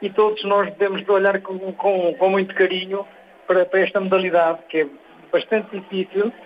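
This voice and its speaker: A man with a European Portuguese accent giving halting, spontaneous interview remarks as a federation official, repeating words as he goes. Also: sits high, little pitch movement. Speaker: sports federation president being interviewed. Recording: dull, noisy lo-fi radio interview line.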